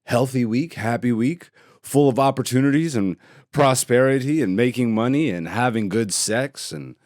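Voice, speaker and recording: A Greek man hosts his own solo podcast, chatting in a laid-back, joking, profane style that rambles from topic to topic. His medium-pitched voice has a darkish tone at normal speed, recorded with studio quality and no echo.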